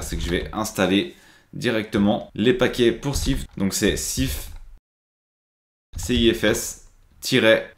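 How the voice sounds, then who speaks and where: A man's voice: on the low side, roomy sound, a little hiss or hum. A man presenting a screen-recorded IT tutorial, explaining step by step with frequent hesitations.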